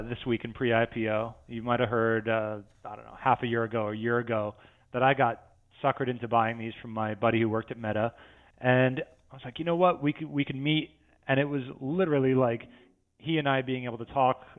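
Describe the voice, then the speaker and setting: Man, podcast guest, relaxed and jokey, mid pitch, slightly muffled lo-fi sound. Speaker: podcast guest, company CEO. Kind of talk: casual podcast chat. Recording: slightly dull, lo-fi audio.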